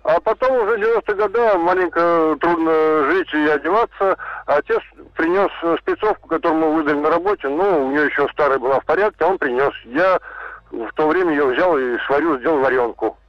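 A fifty-year-old man calling a radio show, telling stories in a halting, rambling way with frequent fillers. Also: fairly high pitch, dry recording. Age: 50s. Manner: rambling, halting, laughing storyteller. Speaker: caller. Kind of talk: phone-in chat. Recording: dull, dry phone-in line.

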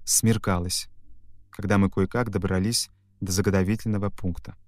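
A man, a stage actor, reading a novel aloud as a calm, measured audiobook narration. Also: low voice, no room sound, studio quality.

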